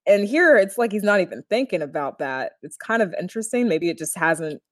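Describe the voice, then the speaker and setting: A woman's voice: medium pitch, very animated, brisk, no echo, clean studio sound. A young woman co-hosting a podcast, chatting casually and playfully about a cartoon episode, laughing often and acting out quotes. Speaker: podcast co-host.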